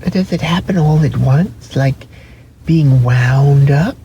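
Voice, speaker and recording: A man's voice: fairly high pitch, takes it slowly, mellow, highs cut off, a little hiss or hum, pitched above the performer's own voice. A man voicing a shy, naive little velveteen rabbit in a storybook, asking questions with hesitant wonder. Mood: timid wondering.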